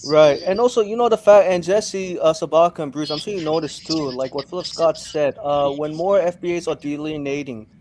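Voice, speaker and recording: A man's voice: on the high side, a little fast, few pauses, background noise. A man hosting a podcast panel, agreeable and stumbling over words, calling on others. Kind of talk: moderating podcast talk.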